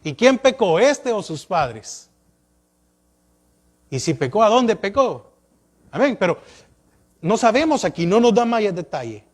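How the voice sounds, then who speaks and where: High-voiced Spanish-speaking male pastor preaching. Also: sing-song, a little slow, long pauses. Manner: questioning the congregation, rising and falling emphasis. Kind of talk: sermon.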